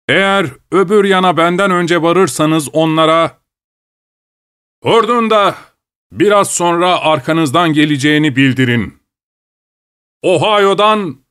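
A man's voice: mid-range voice, no room sound, clean studio sound, lightly acted. A man reading aloud and voicing a sick, hard-drinking young man who talks in a boastful drawl.

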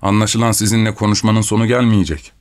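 A man voicing a grumpy old male servant, answering in a soft, husky voice with short, evasive replies. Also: fairly low pitch, little pitch movement, fast, no echo, clean studio sound, lightly acted. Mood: curt, grudging.

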